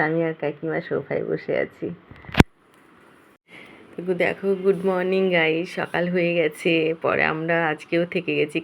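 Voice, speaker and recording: Young woman vlogger, casual and chatty, lowish and a touch hoarse, phone-filmed at home. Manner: chatty, addresses viewers directly. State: slightly hoarse. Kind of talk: casual family vlog narration. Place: home, indoors.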